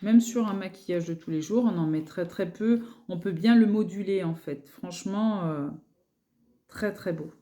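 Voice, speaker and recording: A woman's voice: lowish voice, moderate pace, mellow, slight background noise. A woman beauty vlogger chatting casually through her makeup collection, hesitant, with many fillers and repeated words.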